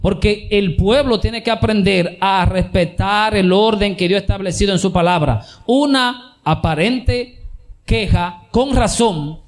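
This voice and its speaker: A man's voice: high-pitched, unhurried. A man preaching a sermon as pastor, emphatic and repetitive, with rhetorical questions.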